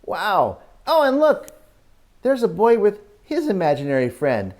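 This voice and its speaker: A man with a high voice teaches children through story time and Bible talk. He tells stories in an animated way, using dramatic pauses and asking questions of his young listeners.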